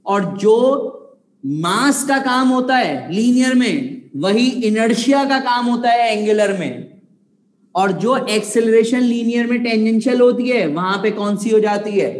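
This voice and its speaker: A man's voice: sits high, a little slow, darkish tone. A man teaching a physics class online, patiently repeating key points and asking his students rhetorical questions. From Pakistan. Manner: addresses students affectionately as children. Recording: echoey room.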